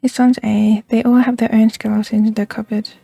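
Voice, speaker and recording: A woman's voice: fairly high pitch, level tone, a little fast, vocal fry, mellow, slightly rough, dry recording, faint music behind. A woman voicing a gossipy game villager who confides other people's secrets while claiming not to gossip. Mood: confiding, gossipy. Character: gossipy villager, eagerly spilling a noble family's secrets. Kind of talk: read-aloud game character dialogue.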